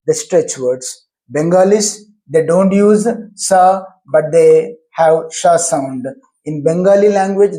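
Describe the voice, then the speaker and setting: A man's voice: fairly high pitch, warm tone, low-quality recording. A man with an Indian English accent teaching a spoken lesson on pronunciation, explaining patiently and drawing out example words.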